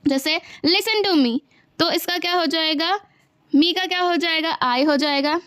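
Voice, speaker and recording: A woman teacher explaining grammar for exam preparation, asking students whether they follow and reading example sentences slowly. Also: extremely high pitch, a bit bright, dry recording, studio quality. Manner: explains step by step, asks students if they understand; reads English example sentences slowly and deliberately. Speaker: English teacher. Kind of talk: exam-prep grammar lesson.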